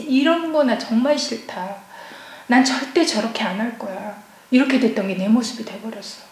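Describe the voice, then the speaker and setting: A woman giving a personal testimony as a church deaconess, speaking earnestly and often dropping to a hushed, near-whispered voice. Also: a little high. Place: church hall. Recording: echoey church hall recording.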